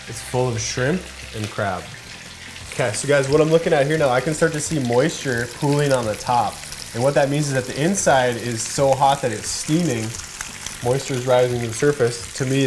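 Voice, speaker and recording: A cooking show host from Minnesota gives a casual, upbeat demonstration in a garage kitchen, chatting viewers through each step in a mid-range voice. The background is noisy, with faint music and frying.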